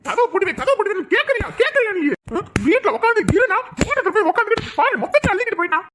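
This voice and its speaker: A woman's voice: extremely high pitch, expressive, very fast, background noise. A woman voicing a scolding middle-aged village husband in a cartoon, with a Kanyakumari Tamil accent. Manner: nagging, blaming. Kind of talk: cartoon voice acting.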